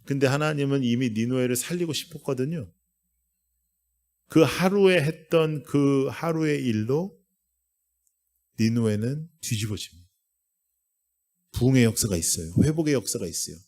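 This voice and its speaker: Middle-aged guy pastor giving a lively revival sermon in church, jumps around in pitch, gets the crowd to repeat after him. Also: normal speed, pauses often. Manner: animated, acts out voices, calls for congregation to repeat. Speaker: guest pastor. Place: church sanctuary.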